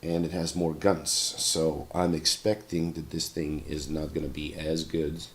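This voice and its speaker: A man's voice: little pitch movement, a little slow. A man livestreaming a game with casual commentary, sounding sick with a sore throat and a stuffed nose. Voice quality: congested, very deep sick voice. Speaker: game streamer, show host. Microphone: streaming microphone.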